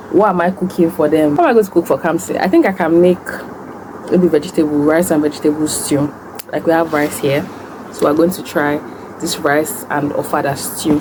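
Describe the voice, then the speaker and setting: A woman's voice: low-pitched, noisy background. A young woman with a Nigerian accent chats casually and tells stories while eating, answering questions as a food vlogger. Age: young adult. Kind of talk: casual mukbang chat, storytelling and answering questions.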